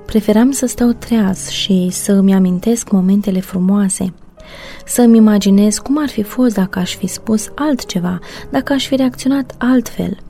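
A woman narrating a first-person story in a measured, reflective way. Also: mid-range voice, dark tone, faint music behind.

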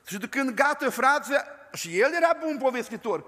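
High, bright older preacher in a reverberant hall. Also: male voice, lively intonation. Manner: emphatic, slows words for stress. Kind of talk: storytelling sermon. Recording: long reverb of a large hall.

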